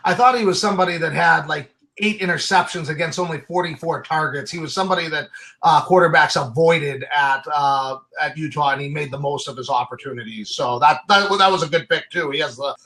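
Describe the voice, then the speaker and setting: A man's voice: on the high side, a little fast, sharp tone. A man giving opinionated, casual sports commentary as a draft analyst.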